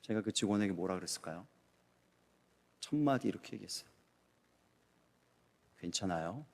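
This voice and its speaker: A man's voice: lowish voice, expressive, quick pace, vocal fry. Preaching man in a reverberant church. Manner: swings from loud emphatic peaks to soft, hushed storytelling. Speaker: pastor. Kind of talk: Sunday sermon with acted anecdotes. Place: church sanctuary. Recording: long church hall reverb.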